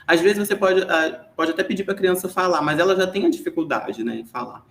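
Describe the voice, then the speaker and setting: Brazilian guy teaching a class, kinda high voice, lots of little "right?" tags, roomy echo. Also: fairly quick, creaky, fairly bright tone. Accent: Brazilian Portuguese. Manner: chatty, frequent tag questions. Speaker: teacher giving an online class. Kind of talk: explanatory lesson.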